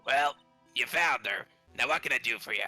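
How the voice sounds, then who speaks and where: A man voicing a flirty, teasing head nun with slow, theatrical movie-villain menace in a playful game read-aloud. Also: mid-range voice, expressive, bright, forceful tone, soft background music.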